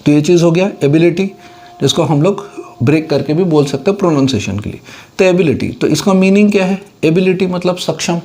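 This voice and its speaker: This time the Indian English-accented teacher sounds high-pitched, animated and brisk, with a slightly mellow quality. He's at the whiteboard explaining English words casually and steadily, mixing English into Hindi and asking students whether they understand.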